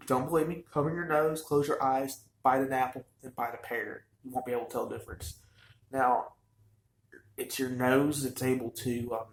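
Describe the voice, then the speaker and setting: A man's voice: mid-range voice, steady tone, normal speed, echoey room. A man talking casually and rambling with lots of fillers as he reviews a wine in his own vlog. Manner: rambling, chatty, frequent fillers. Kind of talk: casual chat.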